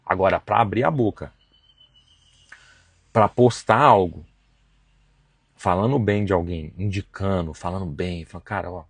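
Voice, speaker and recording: A man's voice: sits low, unhurried, pauses often, breathy edge, no room sound. A man, hosting a faith and business live stream and preaching emphatically with slangy asides. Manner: emphatic, acts out gossiping voices with slangy asides. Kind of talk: preachy motivational talk.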